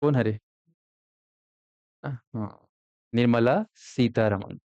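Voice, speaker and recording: A man teaches an exam coaching class very slowly, his medium-pitched voice darkish in tone. He quizzes students often, asking questions and then answering them himself. The lecture recording is lo-fi, with no echo.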